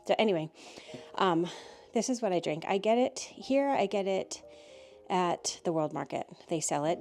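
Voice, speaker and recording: A woman's voice: mid-range voice, a little mellow. A middle-aged woman from the United States chatting casually through a home vlog, meandering from one thing to the next as she shows her house. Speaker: author vlogging her day.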